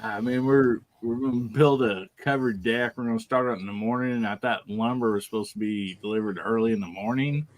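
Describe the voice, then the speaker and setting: A man's voice: mid-range voice, a little fast, few pauses. A man with a Southern US accent, out of breath, chatting folksily as a panel guest on a live stream. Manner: chuckling, folksy, with many fillers. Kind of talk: casual live stream chat.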